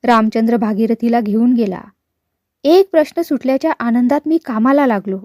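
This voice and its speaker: A woman narrating a story aloud in a calm, expressive reading. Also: fairly high pitch, normal speed, no echo, clean studio sound.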